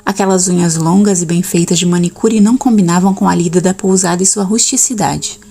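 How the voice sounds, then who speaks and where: Woman audiobook narrator, low gravelly voice, faint music underneath. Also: brisk. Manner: steady first-person storytelling.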